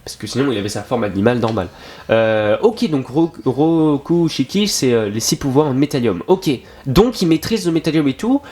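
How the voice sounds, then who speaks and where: A young man streaming a live reaction to an anime, excitable and swearing often, with sudden high exclamations, talking into a desk microphone. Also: moderate pace. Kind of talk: casual live reaction commentary.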